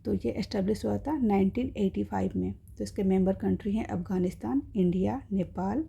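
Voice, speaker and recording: A woman's voice: mid-range voice, brisk, creaky, dark tone, slightly rough, lo-fi sound. A woman teaching an exam-prep lesson, explaining step by step in Hindi with English terms and checking in with her viewers.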